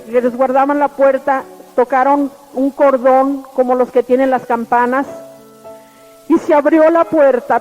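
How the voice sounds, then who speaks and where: A woman's voice: high voice, a little mellow. A woman telling her personal religious testimony in an earnest, repetitive way. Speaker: testimony giver. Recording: lo-fi radio broadcast with faint music.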